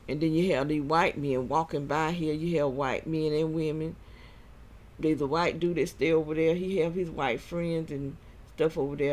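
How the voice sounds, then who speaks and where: A man giving a rambling personal monologue as a vlogger, halting and short of breath, with repeated restarts. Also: medium pitch.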